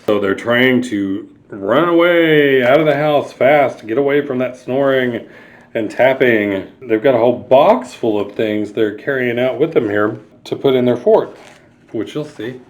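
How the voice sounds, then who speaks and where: A medium-pitched man reads a picture book aloud to young children at an unhurried pace, explaining the pictures and asking them questions along the way. There's a little hiss or hum in the recording.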